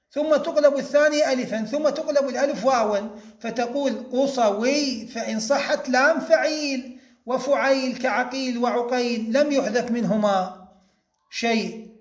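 A man with a very high voice gives a grammar lesson, working through the rules step by step. He repeats key points and slows down to draw out each example. The room around him rings with echo. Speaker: teacher.

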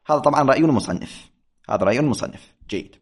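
Man teaching grammar, slow deliberate examples. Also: medium pitch, animated, husky. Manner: slows down to spell out examples, asks questions then answers them. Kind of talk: classroom lecture reading and explaining a text.

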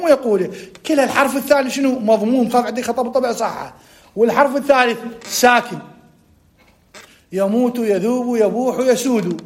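High-voiced man teaching grammar. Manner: mixes formal Arabic with dialect, quizzes listeners, repeats key words. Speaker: teacher of Arabic morphology. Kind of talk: classroom lesson.

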